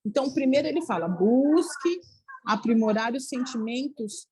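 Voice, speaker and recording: Brief: woman, study-group leader, husky and fairly high voice, animated, chatty, acts out small exchanges. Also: moderate pace, dry recording, low-quality recording. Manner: animated, acts out little dialogues, says "né, gente?" a lot. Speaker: spiritist study group speaker. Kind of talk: casual study talk.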